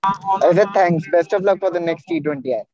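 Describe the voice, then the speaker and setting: A man's voice: high voice, little pitch movement, brisk, darkish tone, dry recording, dull audio, soft background music. A male reporter asking formal, direct questions at a press conference.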